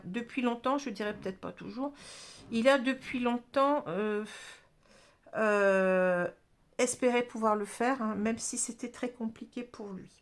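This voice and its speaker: A woman giving an unscripted card reading to viewers in a gentle, reassuring way, with many hesitations and fillers. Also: on the high side. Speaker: astrology tarot reader.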